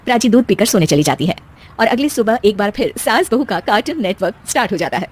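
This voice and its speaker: A woman narrating a scripted cartoon story in a steady, lively storytelling manner. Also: medium pitch, fast talker, slightly rough.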